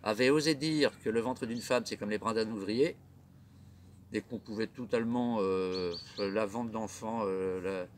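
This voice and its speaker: A man's voice: on the low side, a little slow, slight background noise. A middle-aged man hosting his own comedy web show, rambling through a theatrical monologue full of rhetorical questions. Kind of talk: casual monologue.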